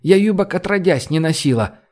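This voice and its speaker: A woman's voice: lowish voice, animated, fairly quick, a little mellow, voice pushed up. A male narrator voicing a bold, blunt young woman scout who talks in an offhand, breezy way.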